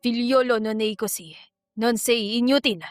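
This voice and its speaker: A woman voicing a calm, authoritative father in a storybook reading. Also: on the high side, unhurried, dry recording, faint music behind. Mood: pleading. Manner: calm, firm.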